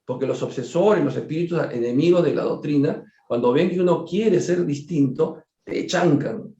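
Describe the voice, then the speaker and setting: A man leading a study group, animated, repeating words and acting out little dialogues. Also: a little high, normal speed. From Peru. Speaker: spiritist study leader. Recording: echoey room, dull lo-fi sound.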